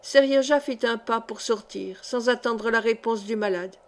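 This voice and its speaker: A woman narrating a literary story aloud at a measured pace. Her voice sits somewhat high for a woman. She reads with clear, careful diction. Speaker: audiobook reader.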